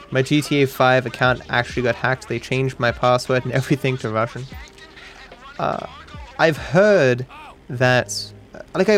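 A man streaming, rambling quickly and casually with self-deprecating asides. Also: medium pitch.

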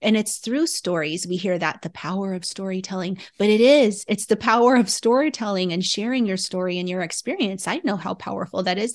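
Earnest woman guest, reflective and candid. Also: medium pitch. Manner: earnest, reflective, laughs often while telling stories. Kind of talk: candid interview conversation.

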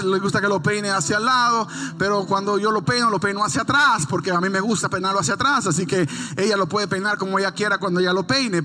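High, bright-voiced male preacher. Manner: preaching with rising emphatic lines, slow stressed phrases; tells a family anecdote in quick, casual storytelling. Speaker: pastor. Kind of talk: sermon. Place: church.

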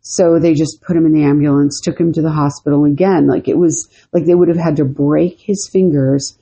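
A woman with a deep, mellow, slightly rough voice co-hosts a podcast, speaking a little fast with fairly even intonation. She tells stories in a rambling, casual way, with lots of fillers.

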